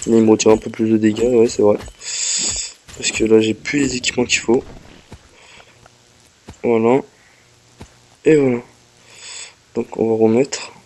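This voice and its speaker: A slightly ill gameplay commentator, coughing now and then, casually walks viewers through his game, explaining each step and talking to the game itself. His voice is on the low side and a little mellow, with little pitch movement. He's unhurried, with long pauses, over slight background noise.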